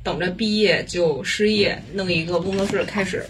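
A woman's voice: fairly low pitch, normal speed, poor audio. A woman from Beijing with a colloquial Beijing accent and some mixed influences, chatting casually as an interview guest. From Beijing, China. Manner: informal Beijing colloquial speech. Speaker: guest, visual artist. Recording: faint background noise and room ambience.

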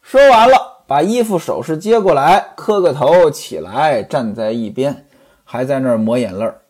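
A man's voice: mid-range voice, animated, moderate pace, a little mellow, husky. A man performing traditional Chinese storytelling, narrating and speaking directly to his listeners.

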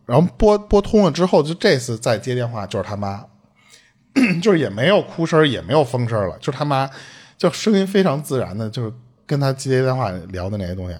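A man tells a listener's creepy story at a quick clip. His voice swings widely up and down as he acts out the quoted lines. The tone is a little husky. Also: medium pitch. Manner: animated, swearing, acts out quoted speech. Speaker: podcast host retelling a listener's story. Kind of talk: casual storytelling chat.

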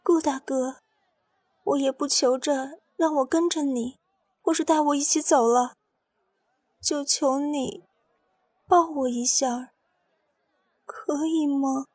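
A woman narrator voicing a lovesick young woman in an audiobook, pleading softly and timidly. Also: high voice, fairly even intonation, takes it slowly, long pauses, no echo, far from the mic, pitched above the performer's own voice. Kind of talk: audiobook character voice.

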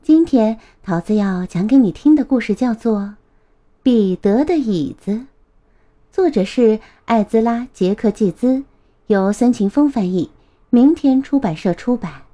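A woman in her thirties reads a picture book aloud to young children, tender and lively. Her fairly high voice moves slowly and swings widely up and down. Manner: lively, sing-song, tender. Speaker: storyteller, children's story channel host.

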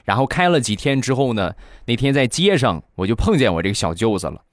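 A man hosts a comedy show, telling comic anecdotes in a chatty, animated way. His voice has a mid pitch with lively swings. The recording is dry and close to the mic. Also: quick pace, no room sound.

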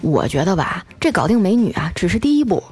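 A woman voicing a grown male friend who gives sage dating advice in a slightly lowered voice. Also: sing-song, fairly quick, a little mellow, husky, faint music behind, heavily acted. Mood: advising.

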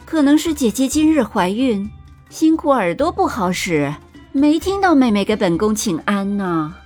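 A woman's voice: fairly high pitch, very animated, normal speed, a little mellow, soft background music, pitched above the performer's own voice. A woman voicing a scheming, pregnant young imperial noble consort who speaks with sweet, condescending politeness in an audiobook. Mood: mocking. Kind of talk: audiobook character voice.

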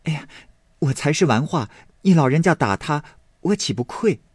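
Ying'er, a man voicing a sharp-tongued young maid. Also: a little high, moderate pace, husky, no room sound, clean studio sound, pitched above the performer's own voice. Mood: teasing. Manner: lively, teasing, then cold.

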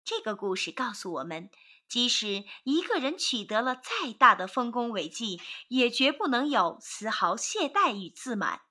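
A woman narrating a storybook for children in an expressive, sing-song way. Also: a little high, normal speed, breathy edge.

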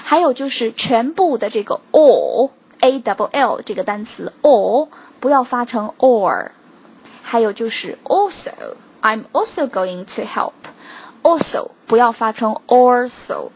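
A woman teaches pronunciation in a recorded lesson. Her voice sits a little high and sounds breathy and soft-edged. She moves briskly through explanations and drags out each example word slowly to show how it is said. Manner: brisk, drawn-out slow demonstrations of words.

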